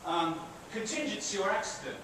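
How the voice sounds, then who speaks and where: Through heavy echo and a constant hiss, a middle-aged professor from Britain is heard at a distance giving a guest lecture to students in a big theatre hall with an audience. His high, bright voice moves fairly quickly, and he keeps it chatty, putting questions to the listeners and making fun of himself.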